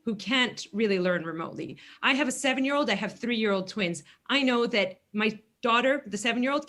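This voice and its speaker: A Greek woman in her thirties, running for Congress, answers questions earnestly in a virtual forum with frequent fillers. Her voice is medium-pitched with a fairly bright tone, heard through a video call.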